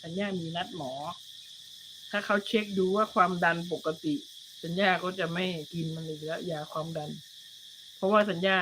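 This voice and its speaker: A woman's voice: fairly low pitch, fairly bright tone, a little hiss or hum, low-quality recording. A woman hosting a livestream, chatting casually and telling stories in a rambling way. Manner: rambling, chatty storytelling, reads viewer comments aloud. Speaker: livestream host.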